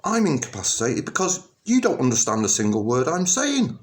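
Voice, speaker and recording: His pitch medium but wildly swooping, a middle-aged English vlogger talks to camera in a rambling, personal way. There are plenty of ums and restarts, followed by emphatic outbursts.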